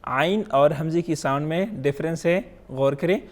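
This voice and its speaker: A man teaching Quran recitation in an online lesson, drawing out each letter sound slowly and checking in often with short questions. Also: on the high side.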